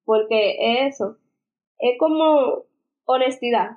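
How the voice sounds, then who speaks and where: A young woman, co-hosting a casual chat in a relaxed, conversational way. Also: fairly high pitch, takes it slowly, lo-fi sound. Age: young adult.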